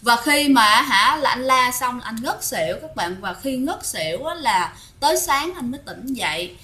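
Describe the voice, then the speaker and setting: A woman's voice: on the high side, lively intonation, moderate pace, sharp tone. A woman telling ghost stories in a chatty way, often speaking straight to her listeners. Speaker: ghost story narrator. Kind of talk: casual storytelling to listeners.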